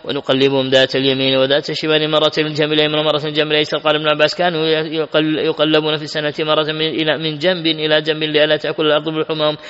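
A man's voice: a little high, monotone, rapid-fire, few pauses, fairly bright tone, clean tone. A man reading classical Quran commentary aloud, with frequent self-corrections and restarts. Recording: dull lo-fi recording with long hall reverb.

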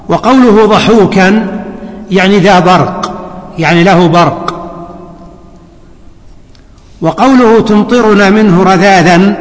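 A man teaching a hadith lesson as a scholar, deliberate and repeating key words for his students. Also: high-pitched. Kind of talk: classroom commentary lecture. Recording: long hall reverb.

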